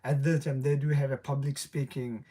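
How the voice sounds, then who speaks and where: A man's voice: medium pitch, level tone, moderate pace, warm tone, slightly rough. Rambling young man with mixed accent. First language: non-native English. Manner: rambling, self-correcting, chuckles often. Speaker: livestream host. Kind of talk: casual late-night livestream chat.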